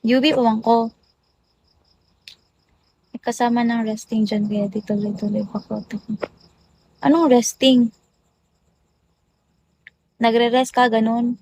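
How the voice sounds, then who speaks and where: Woman streamer on a phone, a bit high-pitched, greets viewers one after another in casual chat. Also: level tone, slow pace, pauses often, a little mellow, low-quality recording. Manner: chatty, rattles off viewer greetings. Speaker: livestream host.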